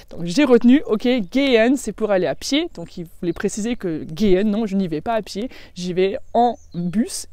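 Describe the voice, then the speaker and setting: A woman's voice: medium pitch, a little mellow, dry recording. Chatty French woman teaching German. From France. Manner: chatty, slows right down to model German phrases. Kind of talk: casual online language lesson.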